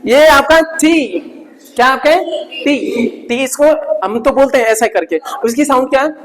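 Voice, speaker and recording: A man's voice: extremely high pitch, moderate pace, long reverb tail, crowd noise, rough recording. A man teaching a live English class, drilling letter sounds over and over in a playful, teasing way. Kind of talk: live online grammar class.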